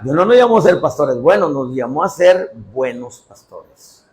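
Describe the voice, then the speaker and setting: A man preaching a sermon as pastor, acting out dialogues and bursting into shouts. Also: a little high, sing-song, normal speed.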